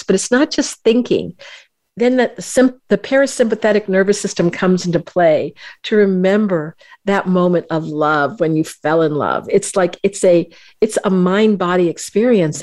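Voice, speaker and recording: A woman's voice: mid-range voice, a little mellow. A woman hosting a talk show, speaking earnestly with frequent restarts and fillers. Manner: earnest, halting, with many restarts. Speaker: radio show host.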